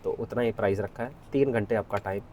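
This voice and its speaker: A man's voice: on the low side, fast talker, a little mellow, slight background noise. A man explaining how to research company stocks in a casual screen-share tutorial, talking conversationally and often checking in with "ठीक है". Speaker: equity research educator.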